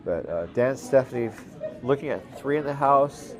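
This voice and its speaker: A man calling a curling game as commentator, relaxed and halting, with lots of fillers and restarts and the odd dry aside. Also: mid-range voice, slight background noise. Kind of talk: play-by-play commentary.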